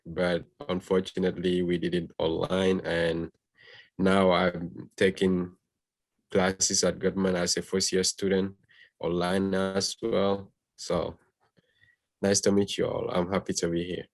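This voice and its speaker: A young man speaks as a student guest. His voice sits very low and stays level, and his manner is calm and courteous. The sound is dry and close, like a video call. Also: measured pace, dry recording. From Gambia. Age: young adult.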